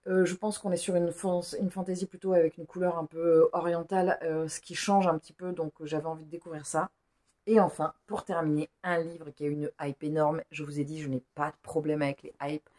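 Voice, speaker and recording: A woman's voice: deep voice, level tone, a little fast, warm tone. A woman chatting casually in a book haul vlog, rambling and talking to herself in little asides. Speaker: book YouTuber.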